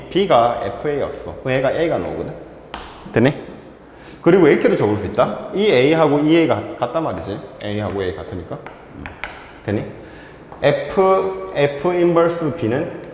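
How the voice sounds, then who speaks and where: A male math teacher giving a whiteboard lecture to students, checking in with them constantly between steps. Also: mid-range voice. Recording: echoey classroom with faint noise.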